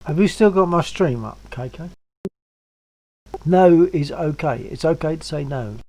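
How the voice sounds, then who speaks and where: A man's voice: a little high, animated, measured pace, dark tone, low-quality recording. A man chatting casually on a livestream, wordy and self-deprecating. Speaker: stream guest.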